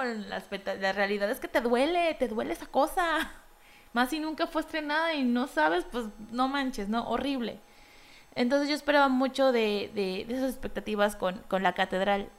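A young woman with a Mexican accent talking candidly about her life in a casual monologue, chatty and full of fillers and mock quotes. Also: a little high. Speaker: design graduate.

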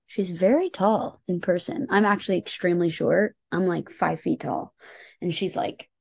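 A woman's voice: on the low side, moderate pace, vocal fry, darkish tone, slightly rough. A woman with an American accent talking casually and earnestly as an interview guest, reflective, often dropping in "like" and "you know". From United States. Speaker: interview guest, singer-songwriter.

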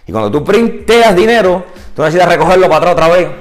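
A man giving a real estate business class to agents, mixing in English words and asking the audience rhetorical questions. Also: fast. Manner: animated, rises high and loud for emphasis, then drops low and quiet; mixes English words into Spanish. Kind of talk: live seminar talk to agents.

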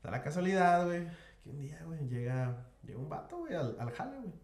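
A man's voice: a little high, fast talker, reverberant. A man with a Mexican Spanish accent, slightly nasal, casually telling a story on a podcast, full of slang. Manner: slangy, animated anecdote teller, peppers speech with "güey". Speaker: podcast host.

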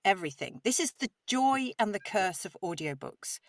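A woman's voice: medium pitch, very animated, normal speed. A woman who narrates audiobooks, explaining her craft with enthusiasm in a podcast interview. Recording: slightly distant mic, dry sound.

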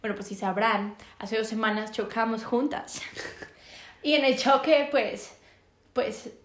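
A young woman telling stories in a casual, slangy, animated way as podcast co-host. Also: on the high side, a little slow. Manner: animated, slangy, acts out quotes. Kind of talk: casual storytelling chat. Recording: echoey room.

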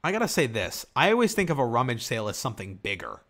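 A podcast co-host from Michigan chats casually in an animated way, reading things aloud and cracking jokes. He talks at a quick pace in a mid-range voice.

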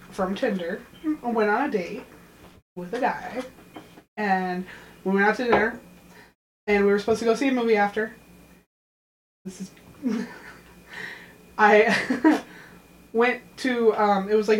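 A woman's voice: mid-range voice, moderate pace, pauses often, echoey room, a little hiss or hum, poor audio. A woman in her thirties in casual chat, telling stories and laughing as she talks. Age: 30s. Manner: storytelling, laughs through her words.

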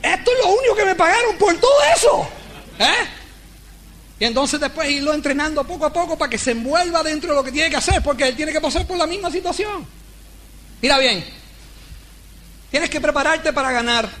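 Very high-voiced motivational speaker. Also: male voice, a little hiss or hum. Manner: animated storyteller who acts out dialogues. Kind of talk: motivational talk to a live audience.

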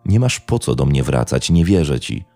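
A man's voice: rumbling low, sing-song, moderate pace, warm tone, soft background music, heavily acted. A man voicing an angry wife who scornfully dismisses what she hears. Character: angry disbelieving wife on the phone.

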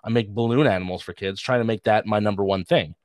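A man's voice: lowish voice, quick pace, no room sound. A man, a comedian, telling rambling, self-deprecating stories in a casual podcast chat. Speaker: comedian guest.

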